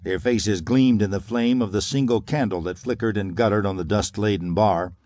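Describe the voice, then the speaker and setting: A man narrating a 1930s pulp crime thriller audiobook in a dramatic, measured way. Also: on the low side, a little mellow, no echo.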